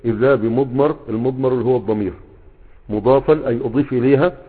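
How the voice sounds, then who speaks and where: Husky, fast-talking Egyptian sheikh teaching. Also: male voice, medium pitch. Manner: fills gaps with quiz-like questions and checks the students often. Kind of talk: classroom lesson. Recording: tinny phone-like sound in a reverberant hall.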